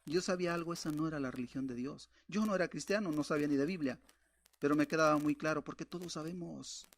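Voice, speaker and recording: A man preaching a sermon, reading scripture aloud and addressing the listener directly, swinging from loud exhortation to hushed warnings. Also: fairly high pitch, fast talker.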